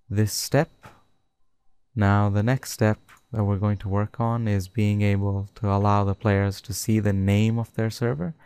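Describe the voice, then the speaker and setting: A man narrating a screen-recorded coding tutorial, dictating code slowly and step by step. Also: on the low side, darkish tone, clear, resonant tone, no echo. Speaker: tutorial host.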